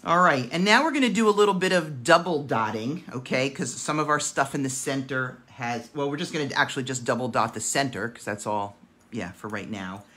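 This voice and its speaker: A man with a gravelly voice, chatting and counting aloud as he demonstrates a painting craft. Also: medium pitch, a little fast, sharp tone. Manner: chatty, counts dots aloud while working. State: gravelly voice today. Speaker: craft instructor.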